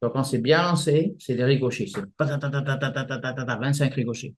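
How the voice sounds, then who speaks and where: A man explaining martial arts practice in a relaxed interview, often restarting his sentences and using images. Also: mid-range voice, brisk. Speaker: martial arts teacher, guest.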